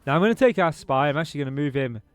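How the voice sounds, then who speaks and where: Talking very fast in an animated, somewhat high voice, a British gaming YouTuber thinks aloud through a strategy game in casual let's-play fashion. His voice is a little off following a throat infection, and the recording is dry.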